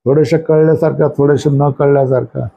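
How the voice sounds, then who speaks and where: Man, spiritual teacher quizzing his listeners, high voice. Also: level tone, quick pace, creaky, dull audio. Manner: asks the listeners questions again and again. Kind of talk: religious discourse.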